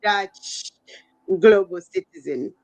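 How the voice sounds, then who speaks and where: A middle-aged Ugandan woman speaks slowly in a mid-range voice with a darkish tone. She's a guest in an online interview over a video call from her home in The Hague, talking conversationally with frequent fillers.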